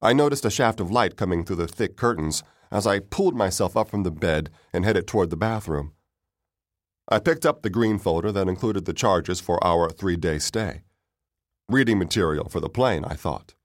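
A man giving calm first-person audiobook narration. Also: low voice, normal speed, no room sound, studio quality.

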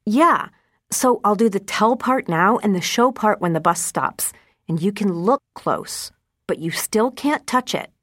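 A woman's voice: mid-range voice, expressive, measured pace, no room sound, studio quality, pitched above the performer's own voice. A woman reading aloud, voicing an eager little boy of five going on six in a storybook.

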